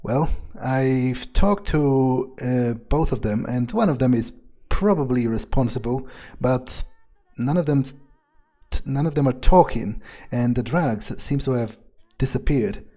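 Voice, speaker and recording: With game music in the background, a man plays a video game and thinks aloud in character, bluntly and profanely. His mid-range voice is dark and unhurried.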